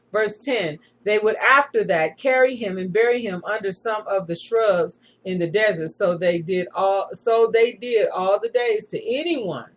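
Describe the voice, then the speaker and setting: A woman reading scripture aloud in a Bible study, steady in pace, with short asides and affirming murmurs. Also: medium pitch.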